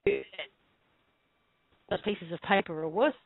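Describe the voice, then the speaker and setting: A woman's voice: fairly low pitch, animated, takes it slowly, slightly rough, no echo. Woman on a breaking-up call line. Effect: breaking-up internet call connection. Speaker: co-host. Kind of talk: casual online group call. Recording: tinny, dry online call line.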